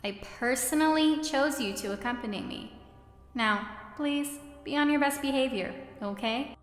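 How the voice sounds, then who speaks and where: A woman playing a composed empress in an audio drama, measured, authoritative and reassuring. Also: high voice, close to an everyday voice. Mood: calm authority. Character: composed, commanding empress, reassuring to her subordinate. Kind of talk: scripted audio drama acting. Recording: roomy, reverberant, music behind.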